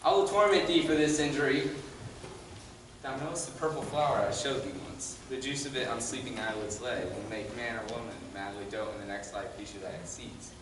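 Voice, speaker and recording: A man's voice: mid-range voice, steady tone, fairly quick, background noise, lightly acted. A man playing a jealous, commanding fairy king in a stage play, declaiming his verse from far off in an echoey hall.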